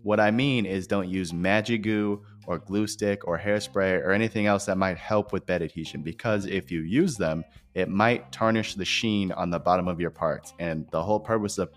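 Deep-voiced and speaking at normal speed with few pauses, a man runs an informal scripted podcast that explains things plainly to his audience. The empty, furniture-free new office makes his voice echo, and music sits in the background.

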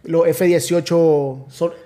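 A man's voice: on the high side, steady tone, slow pace, mellow. A man in his forties, a pastor invited as guest, affirming often and recounting events at length in a casual interview.

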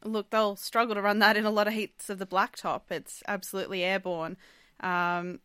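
Australian woman, flat, smooth radio voice. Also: medium pitch, moderate pace, dry recording, clean studio sound. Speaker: racing show co-host. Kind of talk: sports radio analysis, casual discussion.

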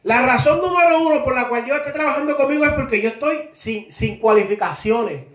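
Animated man preaching in an echoey hall. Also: very high voice, brisk. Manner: animated preaching, acts out voices from scripture stories. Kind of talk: sermon. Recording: echoey room from a distance.

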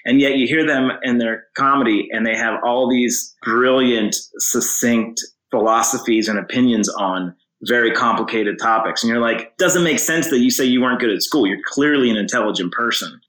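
A man's voice: medium pitch, normal speed, few pauses, fairly bright tone. A man hosting a podcast, chatting casually and reacting with open amazement. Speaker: podcast host. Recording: echoey room.

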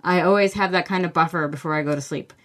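A fast-talking woman with a lowish voice runs a casual solo book podcast, taking listener questions. Enthusiastic and chatty, she fills her talk with lots of fillers.

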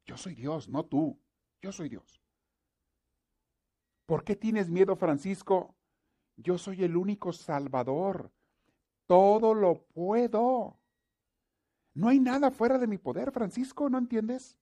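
Preacher guy doing god talking, big solemn voice, higher and louder than his own, slow and proclaiming, mellow tone. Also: lively intonation, full character voice. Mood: solemn commanding. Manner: solemn, proclaiming, repeats a name insistently. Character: God, a mighty, commanding male divine voice. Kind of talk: sermon.

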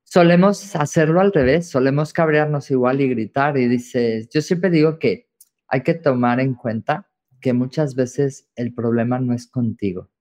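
A man's voice: mid-range voice, unhurried, darkish tone. Mexican guy hosting a podcast, friendly and joking around, acts out quotes. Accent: Mexican Spanish. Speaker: podcast host. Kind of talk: casual interview chat.

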